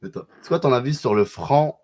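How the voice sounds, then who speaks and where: A man's voice: mid-range voice, lively intonation, warm tone. Slangy Québécois man streaming live. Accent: Québécois French. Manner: loose and slangy, lots of quick restarts. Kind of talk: casual live-stream chat answering viewers.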